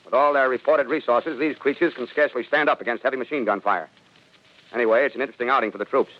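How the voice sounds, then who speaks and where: A man's voice: medium pitch, fairly even intonation, quick pace, natural voice. A man playing an army captain giving a clipped field report in 1930s radio drama style. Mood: confident, brisk. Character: confident male army captain reporting from battlefield. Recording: dull vintage 1930s radio recording.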